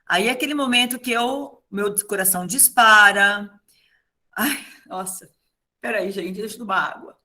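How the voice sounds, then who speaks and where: A woman's voice: medium pitch, moderate pace, sharp tone. A middle-aged woman, a teacher talking to parents at a meeting, telling stories with feeling and acting out the voices of students and parents. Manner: emotional, addresses the audience directly.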